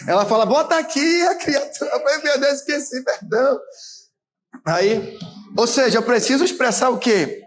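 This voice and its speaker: A man in his late thirties, a pastor, preaching a sermon in a conversational way, with frequent tag questions and occasional shouted emphasis. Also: very high-pitched, lively intonation, normal speed, soft background music. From Brazil. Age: 30s.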